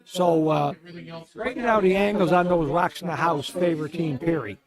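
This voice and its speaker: A man's voice: a little high, moderate pace. Male curling analyst over crowd noise. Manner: explanatory, easygoing. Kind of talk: sports commentary.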